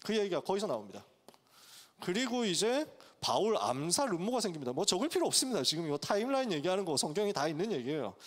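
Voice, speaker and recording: A male pastor preaching to college students, telling the story in a lively way and acting out its characters' voices. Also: high voice, quick pace. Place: church sanctuary. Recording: long church hall reverb.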